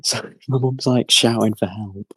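A man's voice: fairly low pitch, fairly even intonation, a little slow, a bit bright, breathy edge, dry recording. A young man, a podcast co-host rambling through a funny story with lots of fillers and swearing. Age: young adult. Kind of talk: casual chat and anecdote.

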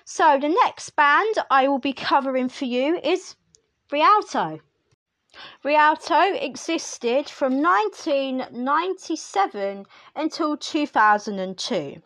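A woman's voice: sits high, lively intonation, takes it slowly, a bit bright, no room sound, studio quality. A woman hosting a music podcast, reading release lists in a chatty way with wry asides to the listener. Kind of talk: casual solo commentary.

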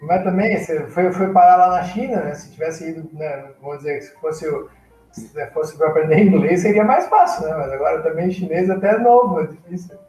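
A man's voice: on the high side, lively intonation, brisk, mellow, reverberant, distant mic, faint music behind, low-quality recording. A man hosting a casual interview, asking friendly prompting questions. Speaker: podcast host.

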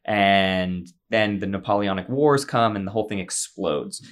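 A man's voice: deep voice, unhurried. A man on a casual podcast, explaining eagerly with frequent fillers.

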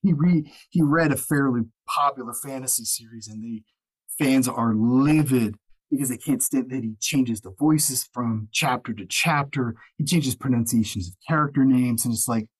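A man's voice: medium pitch, normal speed, breathy edge, rough recording. A man, an audiobook narrator, talking casually in an interview, rambling with many fillers and restarts and acting out quotes. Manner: acts out quotes and laughs often. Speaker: audiobook narrator, podcast guest.

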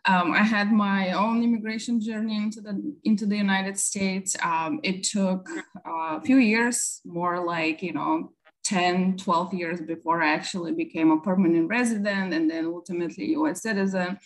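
A woman from Bulgaria, an immigration attorney, answering interview questions casually with many pauses and fillers and a light laugh. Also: mid-range voice.

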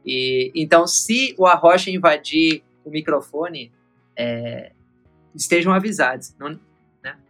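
A man from Mexico, a musician guest talking about his music from his home in a busy city centre, in a lively, self-deprecating way. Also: fairly high pitch, a little slow. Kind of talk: casual interview.

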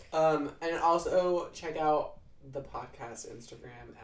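A young woman co-hosting a podcast in casual chat, relaxed and dry, with lots of "like.". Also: deep voice, takes it slowly. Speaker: podcast co-host. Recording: echoey room.

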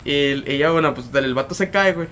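Young dude, kinda high voice, slangy, says güey every line, bit of room hiss. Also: male voice, fast, fairly bright tone. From Mexico. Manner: slangy, repeats words and tags lines with "güey". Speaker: podcast co-host. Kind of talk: casual chat, storytelling.

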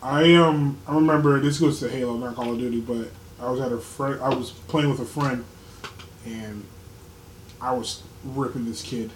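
A man's voice: mid-range voice, steady tone, normal speed, slight background noise. A young man co-hosting a casual podcast chat, laughing often and acting out the voices in his stories. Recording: echoey room with faint ambience.

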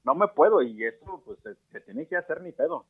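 A man with a Mexican accent telling a crude story in casual chat, animated and profane, full of slang. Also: a little high, fairly quick, breathy edge, narrow, tinny audio. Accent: Mexican Spanish. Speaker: podcast co-host. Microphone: phone.

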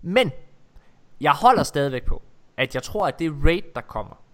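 A man's voice: on the high side, very animated. A man hosting a casual gaming podcast over Skype, talking animatedly with many fillers and restarts. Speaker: podcast host.

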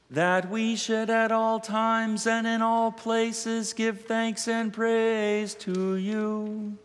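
A man leading worship, chanting the liturgy slowly in sustained sung phrases, with a cathedral echo. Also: high-pitched. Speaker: presiding minister. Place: large church. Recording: long reverb of a church hall.

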